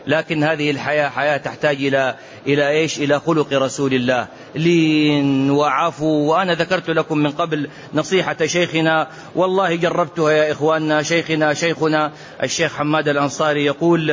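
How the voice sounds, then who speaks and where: A middle-aged man, a sheikh giving a religious lesson and answering questions in an animated way, full of rhetorical questions and mock dialogue. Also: a little high, quick pace. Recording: dull lo-fi recording with faint hiss.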